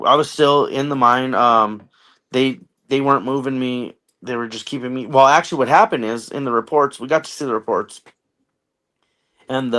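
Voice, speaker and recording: A man's voice: medium pitch, a bit bright. An American man in his thirties, a veteran guest on a podcast, telling a long personal story in a casual, joking way with lots of fillers. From United States. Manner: conversational, jokey, filler-heavy storytelling.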